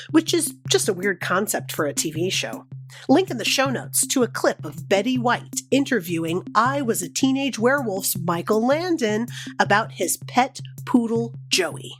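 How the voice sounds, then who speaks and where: A woman's voice: on the high side, a bit bright. A woman co-hosting a podcast, giving informal, explanatory commentary on a film. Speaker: podcast co-host; high school teacher.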